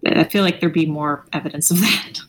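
Woman, tabletop player, slightly low voice, casual, playful. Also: brisk. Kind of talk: playing a tabletop role-playing game.

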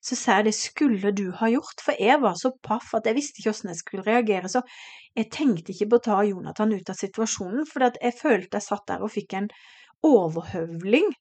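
A middle-aged woman from Norway telling a personal story on her podcast, animated and emotional, acting out the lines of the people in it. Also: medium pitch, slightly rough. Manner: emotional, animated retelling with quoted dialogue. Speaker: podcast host.

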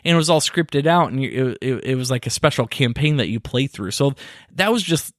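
A man's voice: medium pitch, animated, a little fast, no room sound, clean studio sound. A man co-hosting a casual podcast, chatty and playfully complaining, often laughing. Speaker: podcast co-host. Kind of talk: casual chat.

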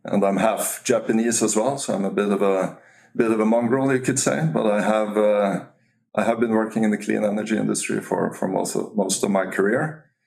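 A man from Norway, a company CEO, talking as a guest in a remote interview, measured and often restarting his sentences. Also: fairly low pitch, steady tone, gravelly, darkish tone. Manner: measured, with frequent restarts and fillers. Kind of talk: casual interview talk.

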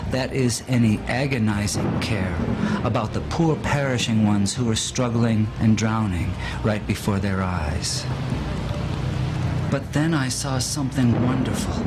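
A man preaching in a solemn, measured way, recounting a vision as a sermon over music. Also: mid-range voice, very noisy. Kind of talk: sermon reading of a vision story.

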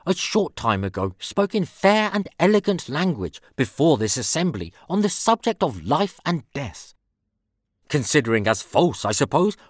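A man's voice: mid-range voice, dry recording, studio quality, voice pushed up. A man declaiming as a stern Roman senator. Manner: grave, rhetorical, sweeping emphasis. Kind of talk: declaimed historical speech reading.

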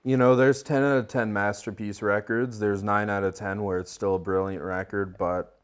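A man's voice: fairly low pitch, flat delivery, normal speed, smooth. A man co-hosting a podcast, chatting casually and enthusiastically about an album, often laughing. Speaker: podcast co-host. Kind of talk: casual music review chat.

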